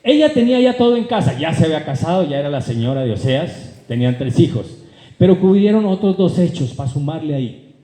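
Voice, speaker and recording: A male pastor, his voice sitting a little high with a mellow, soft edge. He preaches with fervor, shouting some lines and murmuring others, and keeps questioning the congregation. The sound rings around an echoey church hall. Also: fast talker. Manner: animated preaching, swings from loud high calls to low asides; addresses the congregation directly, asks rhetorical questions. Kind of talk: sermon.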